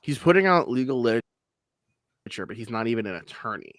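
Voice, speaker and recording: A man hosting a casual reaction livestream, greeting chat and talking in excited bursts with stammered restarts. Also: brisk, dry recording, studio quality. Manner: animated, jumps high in pitch when excited, stammers restarts. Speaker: livestream host reading chat.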